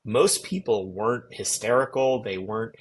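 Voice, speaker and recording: A man giving an eyewitness account in an interview, speaking in a measured, reflective and articulate way. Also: lowish voice, expressive, a little hiss or hum. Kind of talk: recounting events in an interview.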